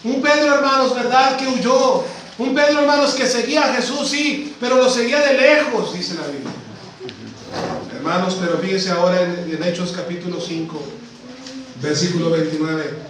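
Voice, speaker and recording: A man preaching a sermon as a missionary. He keeps calling the congregation brothers and swings between loud emphatic peaks and low, hushed lines. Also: moderate pace. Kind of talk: Spanish-language church sermon. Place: church sanctuary. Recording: echoey church recording from far off, faint hiss.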